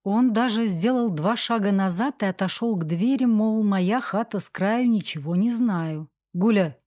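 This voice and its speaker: A woman reading an audiobook as narrator in a steady, even storytelling manner. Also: medium pitch, moderate pace, no echo, clean studio sound. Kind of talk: scripted narration.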